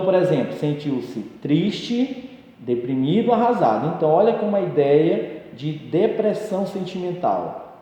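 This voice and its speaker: A man's voice: fairly high pitch, mellow. A man giving an exam-prep grammar lesson, explaining each term through examples and leaning on fillers like "então" and "né". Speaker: teacher. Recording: echoey room with long reverb.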